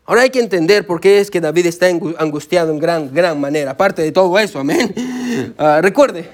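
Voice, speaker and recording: A pastor preaching with a strikingly high male voice. He speaks fervently and keeps turning to his listeners with calls to pay attention. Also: lively intonation, brisk. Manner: fervent, keeps calling out "amén" and "escuche" to the listeners. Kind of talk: sermon.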